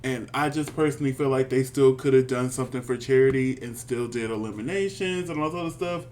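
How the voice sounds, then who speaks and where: A man in his thirties co-hosting a casual review chat, sassy and animated, calling people "honey.". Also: mid-range voice, fast. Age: 30s. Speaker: podcast co-host.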